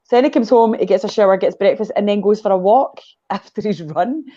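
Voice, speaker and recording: On a video call, a Scottish woman with a medium-pitched, mellow voice talks fairly quickly through a long, meandering story, wandering off on tangents in casual conversation. The recording is muffled.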